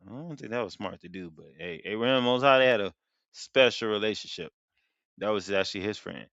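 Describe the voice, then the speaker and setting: A street preacher teaches a Bible lesson, reading verses and then paraphrasing them in everyday slang. His lowish voice is fairly quick and fairly bright, with vocal fry. The recording is dry, dull and lo-fi, with no room sound.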